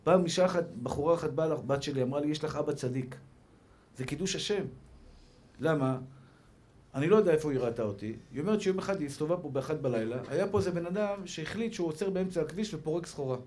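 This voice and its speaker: Male rabbi, middle-aged, lively playful sermon delivery, slightly high voice, faint noise behind. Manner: lively, playful, acts out quoted people, shifts between loud and hushed. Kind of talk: sermon to a live audience.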